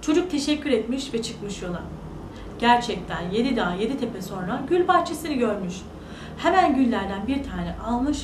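A woman storyteller narrating a children's fairy tale in an animated, sing-song manner. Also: a little high, moderate pace, noisy background. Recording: echoey room, far from mic.

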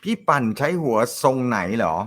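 Loud, joking male live-stream host. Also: mid-range voice, animated, normal speed. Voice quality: naturally loud voice. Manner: joking, laughs often, chatty. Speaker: host of a snooker live show. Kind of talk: casual live-stream chat reading viewer comments.

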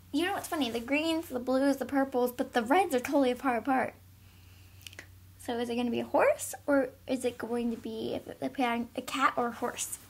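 A woman with a high, slightly gravelly voice chats about toys in a casual, giggly way. She sits in a carpeted room at home, talking to a camera set on the floor. Her delivery is loose and playful. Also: slight background noise. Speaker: toy reviewer. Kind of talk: casual toy unboxing chat.

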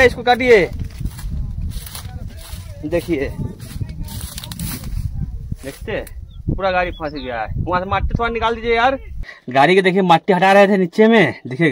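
A young man who drives trucks, chatting casually to his viewers from farm fields beside his truck and filming on a phone. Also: high-pitched. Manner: chatty, addresses viewers directly. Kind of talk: casual vlog narration.

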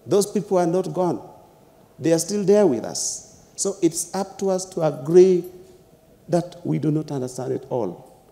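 A man's voice: a little high, animated, unhurried, creaky, dark tone. A young man on a panel in a lecture hall, speaking with emphatic, repetitive rhetorical phrasing into a lapel mic. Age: young adult. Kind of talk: impassioned panel speech.

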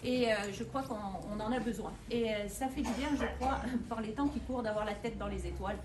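A woman's voice: a little high, distant mic, very noisy. Hesitant woman speaking in an echoey hall. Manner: halting, many fillers and restarts. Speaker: local elected official. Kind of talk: opening speech at an art exhibition. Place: exhibition room in an old town hall. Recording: echoey room, voice from afar, faint ambience.

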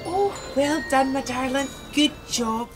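A woman with a Scottish accent playing a warm-hearted older childminder who fondly coaxes the children in a children's TV show. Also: high-pitched, unhurried, music in the background. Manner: fond and coaxing, calls the child darling. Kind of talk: children's TV acting.

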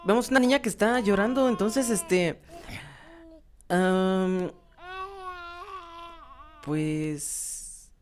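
This woman hosts a gaming channel, rambling through casual gameplay commentary full of fillers and restarts while calling her viewers "chicos." Her mid-range, darkish voice keeps a fairly even intonation, and she speaks extremely slowly with long pauses.

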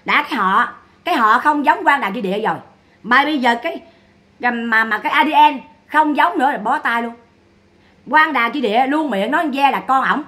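A woman's voice: high-pitched, bright, forceful tone. A woman giving mocking, scolding gossip commentary. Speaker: online commentator.

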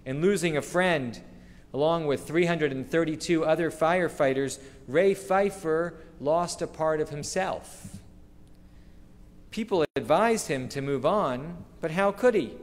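A middle-aged man, a rabbi, giving a measured, earnest sermon at a lectern microphone, slowing for emphasis. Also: on the high side. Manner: measured, earnest preaching with slow emphatic phrases. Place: synagogue sanctuary, standing at a wooden lectern. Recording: long reverb of a large hall.

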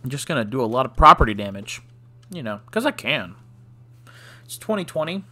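A man's voice: medium pitch, big pitch swings, fairly quick, bright, forceful tone. A man giving casual let's play commentary, joking and self-deprecating, often sighing. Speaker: gaming channel host.

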